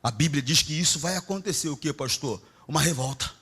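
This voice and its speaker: A middle-aged Brazilian man preaching a Pentecostal sermon, swinging between shouts and low, confiding asides. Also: fairly quick, husky. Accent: Brazilian Portuguese. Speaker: pastor.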